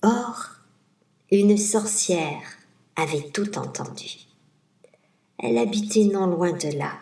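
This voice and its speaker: Woman storyteller, folk tale, slow rhythmic telling, roomy echo. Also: mid-range voice, animated, creaky, mellow. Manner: slow, rhythmic, savoring listed words. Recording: roomy, distant mic.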